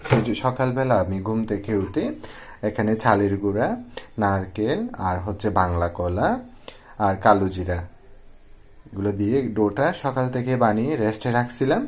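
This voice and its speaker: A man's voice: fairly low pitch, normal speed, background noise. A young man from Bangladesh, a cooking vlogger, walks through a recipe step by step in a friendly, casual way.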